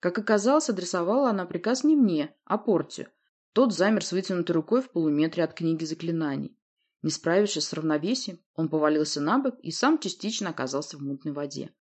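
A woman reads a fantasy audiobook in the first person. Her delivery is expressive and animated, her pitch moving widely through each sentence. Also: fast, husky. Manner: expressive storytelling. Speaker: audiobook narrator.

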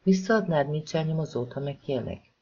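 An audiobook narrator voicing a gentle, weary young woman who speaks softly and tenderly. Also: medium pitch, lively intonation, lightly acted. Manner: soft, motherly, tender. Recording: slightly dull lo-fi recording.

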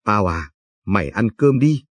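A very old grandmother, past a hundred, gruff yet tender, read by a male narrator. She speaks softly and plainly in a low, husky voice. The recording is close and dry. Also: animated, measured pace, no room sound. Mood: gentle, blunt. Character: frail centenarian grandmother, gruff but tender.

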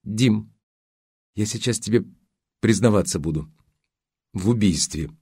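A man's voice: fairly low pitch, expressive, normal speed, a little mellow, no echo, clean studio sound. A man reading an audiobook, voicing a stern, caring older former nanny who questions strictly.

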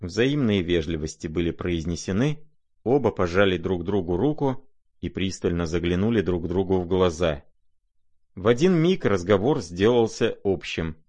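Guy reading a classic novel aloud, lowish voice, measured and expressive. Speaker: audiobook narrator. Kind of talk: scripted narration of a classic novel.

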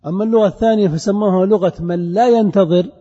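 A man teaching a classroom grammar lesson, drawing out recited verses and examples slowly and with emphasis, and calling on his students. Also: sits high, warm tone. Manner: addresses students directly. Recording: reverberant hall, dull lo-fi sound.

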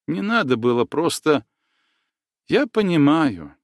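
A man reading the lines of a bitter, prickly young village woman who speaks in a sharp, scornful way. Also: a little high, sing-song, takes it slowly, no echo, studio quality, full character voice.

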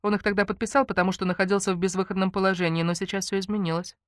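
A woman voicing a bossy, scheming young woman friend in an audiobook, speaking briskly and commandingly. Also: medium pitch, little pitch movement, no echo, clean studio sound, pitched above the performer's own voice, close to an everyday voice.

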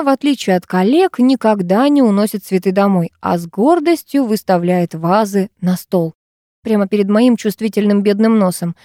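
Mellow-voiced woman narrating an audiobook. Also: mid-range voice, no echo, clean studio sound. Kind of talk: first-person audiobook narration.

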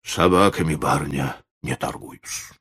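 A man voicing an old, poor organ-grinder who speaks quietly and haltingly, humble but firm, in an audiobook. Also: very deep voice, gravelly, slightly rough, exaggerated voice. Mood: dignified. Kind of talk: audiobook narration.

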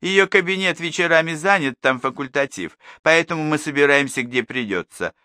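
Chatty, high, friendly mother, gossipy, middle-aged, voiced by a man. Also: animated, moderate pace, bright, forceful tone, no echo, studio quality. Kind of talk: audiobook character voice.

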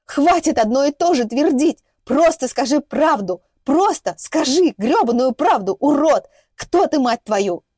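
Woman doing young female captive, shrill and furious, audiobook. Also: lively intonation, moderate pace, dry recording, clean studio sound. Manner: shouting, hysterical outbursts.

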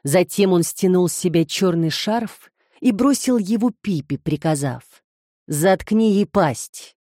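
A woman narrating a novel in a calm, measured reading voice. Her tone is low and mellow, with a dark, soft color. The sound is dry and close to the mic, with no room behind it. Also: dry recording. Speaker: audiobook narrator. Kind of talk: scripted audiobook narration.

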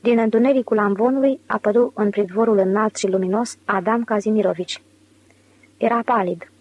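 A woman narrating an audiobook in a measured, clear reading voice. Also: medium pitch, steady tone, a little mellow, no room sound, muffled recording. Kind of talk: scripted narration.

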